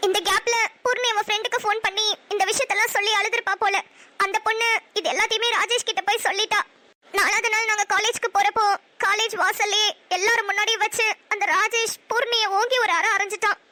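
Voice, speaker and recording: A woman's voice: very high voice, bright, forceful tone. A woman with a Namakkal Tamil accent, narrating and voicing a cartoon story with emotional, scolding delivery. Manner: emotional, scolding, fast-talking. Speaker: voice artist and narrator.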